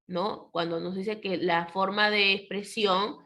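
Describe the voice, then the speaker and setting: Woman teacher on a video call, slow careful pace, asks the kids stuff, clears throat a lot. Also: medium pitch, steady tone, bright, forceful tone. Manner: patient, asks the class questions. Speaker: primary school teacher. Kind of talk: online class lesson.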